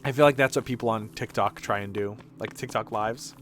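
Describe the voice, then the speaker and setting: A man with a fairly low, brisk voice streams video games, rambling casually with some swearing while he plays. Faint music sits behind him.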